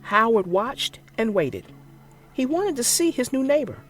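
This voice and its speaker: Over soft background music, a mid-range storyteller performs a scripted story for young kids. The reading is expressive and theatrical, carefully paced, and full of lively rising and falling intonation.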